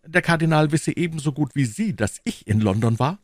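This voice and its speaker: A man's voice: fairly high pitch, expressive, brisk, no room sound, clean studio sound, pitched above the performer's own voice. A man voicing a young, proud and hot-headed guardsman in an audiobook, with eager, indignant outbursts. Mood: earnest. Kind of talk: audiobook character voice.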